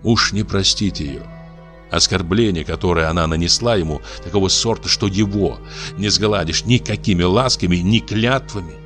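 A man narrating a literary story in a measured, expressive reading. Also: sits low, faint music behind. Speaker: audiobook narrator.

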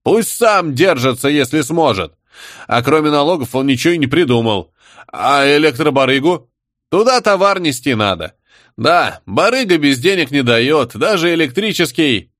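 A man's voice: fairly high pitch, lively intonation, normal speed, fairly bright tone, dry recording, studio quality, pitched above the performer's own voice. A man voicing a rowdy, crude crowd of male savages, jeering and bickering.

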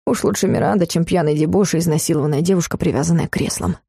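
A woman reading a calm, ironic father. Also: lowish voice, fast talker, creaky, breathy edge, no echo, clean studio sound. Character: dry-witted middle-aged male father, calm and probing.

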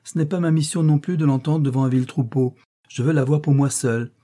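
A man's voice: medium pitch, steady tone, brisk, mellow, pitched above the performer's own voice, natural voice. A man voicing a haughty, imperious young noblewoman in a storybook reading. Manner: commanding, scornful.

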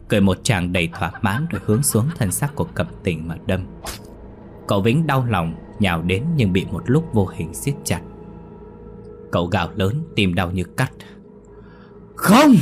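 A man narrating a ghost story in a steady, dramatic storytelling manner. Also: deep voice.

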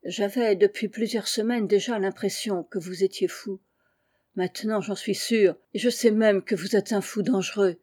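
A woman's voice: medium pitch, steady tone, normal speed, darkish tone, close to an everyday voice. A woman voicing a battered male friend in a storybook reading, speaking with difficulty through swollen lips. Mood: grave. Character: alarmed middle-aged male friend, bruised.

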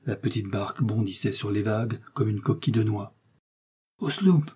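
Male audiobook narrator: measured storytelling, warm-dark and husky timbre. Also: fairly low pitch, little pitch movement. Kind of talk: scripted narration.

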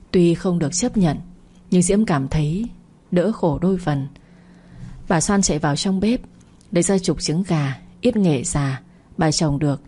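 Woman storyteller, mellow and husky, steady audiobook read. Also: fairly low pitch. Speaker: narrator.

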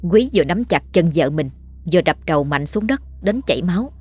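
A woman's voice: on the low side, animated, brisk, darkish tone, slightly rough. A woman storyteller giving a dramatic, scripted horror narration. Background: faint music.

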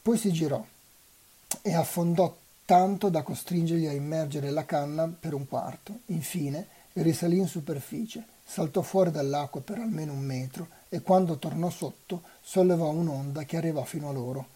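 Reader doing a novel aloud, unhurried and even, really dark husky voice. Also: mid-range voice. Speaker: volunteer reader.

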